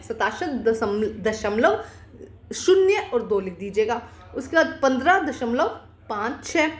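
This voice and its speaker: High-voiced woman teaching maths step by step. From India. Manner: patient, asks questions and answers them herself. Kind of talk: explaining a maths worksheet.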